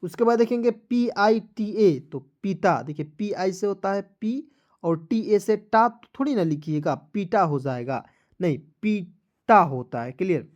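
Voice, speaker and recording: A male teacher gives an online reading lesson. He sounds out each word letter by letter at a careful pace and often pauses to ask whether his viewers are following. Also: sits high, lively intonation, darkish tone, dull audio. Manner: spells out letters slowly, often checks if viewers understand.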